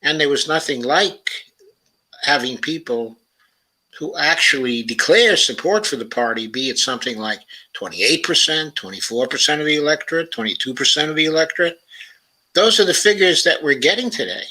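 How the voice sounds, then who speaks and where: A man's voice: on the high side, lively intonation, sharp tone, low-quality recording. A man hosting a casual livestream talk show, thinking aloud and often dropping in "okay" and "uh" as he goes. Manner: thinking aloud, unhurried, sprinkles "okay" and "uh" through sentences. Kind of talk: casual livestream commentary, reading viewer comments.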